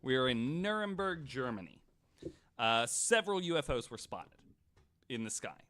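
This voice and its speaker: Here the male host has a medium-pitched, sing-song voice, fairly bright, at a moderate pace. It's a casual, sweary, irreverent podcast of storytelling chat where he often stammers and repeats words, sometimes reading quotes out loud.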